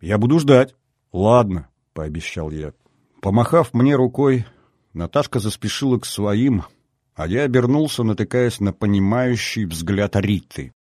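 Low-voiced male audiobook narrator. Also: lively intonation, unhurried, darkish tone, no echo, studio quality. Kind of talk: first-person novel narration.

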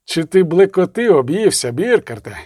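A man's voice: high voice, big pitch swings, normal speed, warm tone, slightly rough, dry recording, studio quality, heavily acted. A man voicing an irritable, imperious bishop in an audiobook. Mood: irritated. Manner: imperious, snappish. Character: irritable arrogant male bishop.

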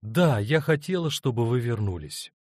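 A man's voice: mid-range voice, big pitch swings, moderate pace, a little mellow, no room sound, studio quality, pitched above the performer's own voice. A man doing a torn, tender young wife. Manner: emotional, pleading, hesitant. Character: young married woman, torn between two loves, tender.

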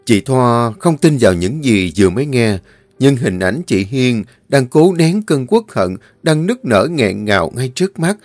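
A man narrating a dramatic audio story in a steady, earnest storytelling voice. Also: medium pitch, no echo. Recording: dry close voice, faint music.

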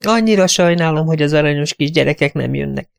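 A man's voice: on the high side, vocal fry, clean tone, voice pushed up. A man voicing a fluttery, timid middle-aged female companion who talks in breathless, apologetic bursts. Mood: sentimental.

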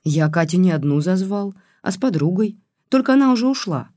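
A man's voice: high-pitched, lively intonation, fairly quick, darkish tone, no room sound, studio quality, voice pushed up. A reader voicing a polite detective man. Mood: placating. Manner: placating, polite. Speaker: private detective.

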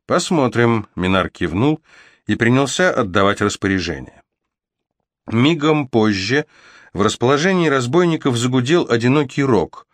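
A man narrating a fantasy novel as an audiobook, reading with steady, even storytelling. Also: mid-range voice, normal speed, dry recording.

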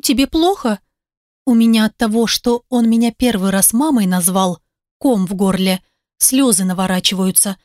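A woman reading a first-person story aloud as an audiobook, lively and expressive, voicing the other characters as she goes. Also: medium pitch, normal speed, dry recording, clean studio sound. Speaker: audiobook narrator.

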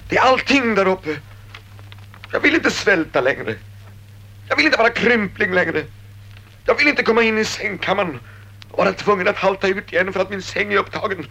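A man's voice: sits high, lively intonation, vocal fry, pauses often, sharp tone, heavily acted. An actor playing a weary, despairing young soldier in his twenties home from war, in a radio play. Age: 20s. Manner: weary, hopeless, pleading.

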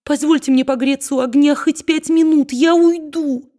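A woman's voice: high voice, fairly even intonation, normal speed, mellow, voice pushed up, lightly acted. A woman reading an audiobook and voicing a timid, meek wife who pleads in a trembling voice. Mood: pleading.

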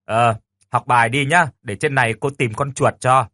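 A man voicing a middle-aged mother who speaks in a drawn-out, teasing way. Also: mid-range voice, sharp tone, dry recording, clean studio sound, natural voice.

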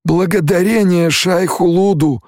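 A man's voice: high voice, unhurried, a little mellow, no echo, clean studio sound, voice pushed up. A man reading an audiobook, voicing a devoted male desert warrior chief who pleads in a strained, raised voice. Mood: alarmed.

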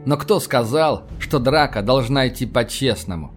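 Over soft background music, a man narrates an audiobook in a steady, even storytelling style. His pitch is medium and his pace normal.

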